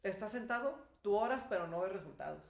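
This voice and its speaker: A woman's voice: mid-range voice, animated, fast, gravelly. A woman co-hosting a faith discussion, talking in a reflective, encouraging way. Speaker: youth group co-host. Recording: echoey room.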